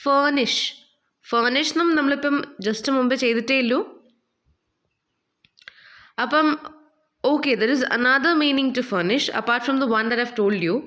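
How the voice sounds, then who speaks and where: A woman's voice: high voice, a bit bright. A woman teaching an English vocabulary lesson with a Malayali accent, explaining in Malayalam and English and asking and answering her own questions. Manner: slow, careful reading of English passages. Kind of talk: recorded online English lesson.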